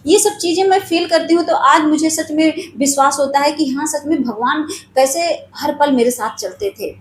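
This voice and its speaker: A woman's voice: high-pitched, normal speed, roomy sound, slight background noise. A woman telling her own spiritual story in an earnest, confiding way, speaking straight to her viewers.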